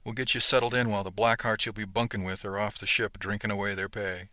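A man reading the part of a gruff older woman ship captain who barks clipped orders, in a close, dry recording. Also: lowish voice, flat delivery, fast talker, pushed and bright, no room sound. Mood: stern.

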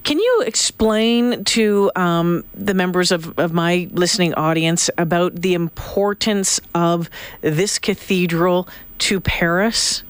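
A radio host with a smooth, clear voice at a middling pitch, recorded close and dry. The questions come in a solemn, sympathetic manner with frequent restarts. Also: slow, no room sound. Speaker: radio host interviewing a witness. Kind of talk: live radio interview.

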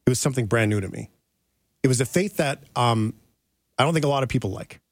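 A male podcast host drifts through anecdotes in a loose, rambling way, laughing easily as he goes. His voice sits at an ordinary middle pitch. The recording is dry and close, with no room sound. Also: quick pace, no echo. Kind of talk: casual storytelling.

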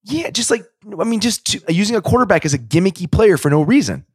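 A man's voice: high-pitched, expressive, quick pace, slightly rough, dry recording, studio quality. A man talking football as a podcast co-host over a remote call that keeps breaking up, pressing his point insistently. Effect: remote call breaking up, dropping out. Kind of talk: casual football chat.

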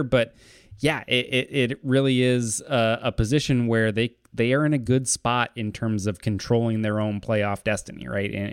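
A man co-hosting a casual sports podcast, wry and deadpan, often restarting his sentences. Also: fairly low pitch, smooth, no room sound, studio quality. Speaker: podcast co-host.

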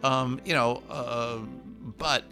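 A man's voice: medium pitch, steady tone, slow pace, music in the background. A man co-hosting a casual chat, rambling with many restarts and fillers.

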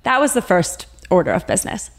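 A young woman chatting casually as a podcast guest, telling a story with quick laughs and acted-out quotes. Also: fairly low pitch. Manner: animated storyteller, laughs often, acts out quotes. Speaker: guest, recent bride.

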